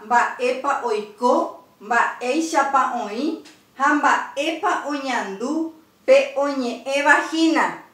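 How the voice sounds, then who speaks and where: A woman teaches in a high voice, unhurried and deliberate, pausing to spell out each word. She sits back from the mic, and the room around her rings with a roomy echo. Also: a bit bright. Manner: slow, deliberate, spelling out words. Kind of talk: Guarani grammar lesson. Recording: roomy, from a distance.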